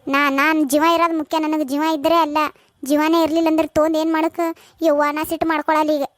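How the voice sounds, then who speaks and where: Woman voicing a shrill, squabbling village housewife. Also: flat delivery, quick pace, dry recording, natural voice. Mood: pleading. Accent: North Karnataka Kannada. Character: fiery young village housewife with high blood pressure. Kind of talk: comic cartoon voice acting.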